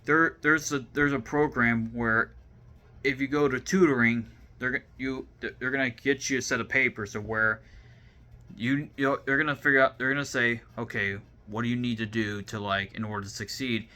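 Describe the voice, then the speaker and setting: A man's voice: medium pitch, steady tone, moderate pace, sharp tone. A young man with a Southern US accent hosting his own video series, talking casually to camera and often stopping to repeat and restart his words. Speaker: vlog host.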